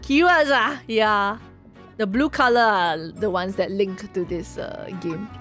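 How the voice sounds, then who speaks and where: A woman's voice: medium pitch, slow pace, a bit bright, faint music behind. A woman streaming a game, reading its text aloud with giggly, playful asides to chat.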